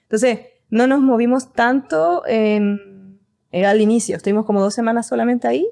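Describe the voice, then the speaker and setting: A woman's voice: on the high side, normal speed, gravelly, warm tone, no room sound, clean studio sound. A woman in her twenties with a Chilean accent, telling her story casually as a podcast guest. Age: 20s. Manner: storytelling with restarts.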